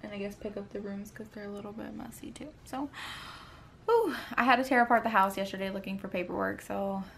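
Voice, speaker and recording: A woman's voice: mid-range voice, fairly quick, gravelly, a bit bright. A woman in her twenties talking casually to camera as a stay-at-home mom at home, rambling and tired, often sighing between thoughts. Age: 20s. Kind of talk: casual vlog chat to camera.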